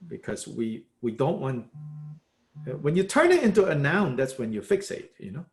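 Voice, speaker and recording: Animated man teaching a book study. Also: mid-range voice, a little slow, long pauses. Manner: animated, repeats words, many "uh" and "you know". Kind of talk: lively explanatory teaching.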